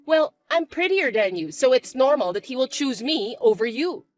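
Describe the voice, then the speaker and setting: A woman voicing a spiteful, bossy young stepsister who talks in a shrill, mocking, shouty way. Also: sing-song, normal speed. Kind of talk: chat-story voice acting.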